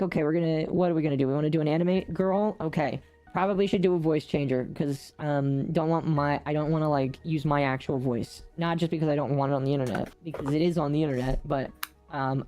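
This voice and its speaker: A soft-spoken man whose voice runs through a hardware voice changer that shifts it toward a woman's, chatting casually with a guest on his stream. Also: no echo. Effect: hardware voice changer shifting his pitch toward a low female voice. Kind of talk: casual chat.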